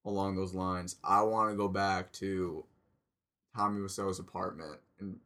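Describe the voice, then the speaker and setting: Low-voiced, earnestly puzzled male co-host. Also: level tone, measured pace, sharp tone. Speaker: podcast co-host. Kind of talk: casual chat.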